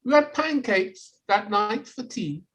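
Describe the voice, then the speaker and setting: A woman's voice: medium pitch, expressive, slow pace. A woman playing a long-suffering, grumbling male owl in an audio play, dry and exasperated in manner. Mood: dry, resigned. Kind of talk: community audio play of children's classic. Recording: home video-call recording.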